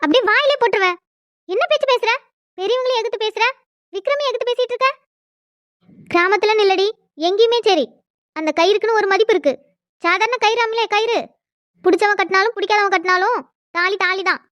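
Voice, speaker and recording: A stern middle-aged aunt in a cartoon drama, played by a woman. She lectures sharply in a very high voice, and the recording sounds dry and close. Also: a little fast, a bit bright, no room sound, lo-fi sound. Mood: scolding. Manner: scolds sharply, lecturing on tradition.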